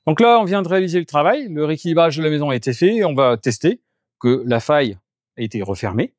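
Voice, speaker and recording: He sounds a little high, with lively intonation and a quick pace, in clean studio audio with no echo. The man is a geobiologist walking through a house during an energy clearing, explaining each step of the work to the camera as he goes from room to room.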